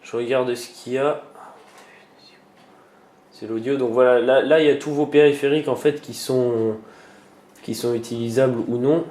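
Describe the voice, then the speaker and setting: A man's voice: medium pitch, fairly even intonation, normal speed, pauses often, a little mellow. A man talking through a computer tutorial as he works on screen, hesitant and full of fillers and restarts. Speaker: tutorial maker. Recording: echoey room with faint noise.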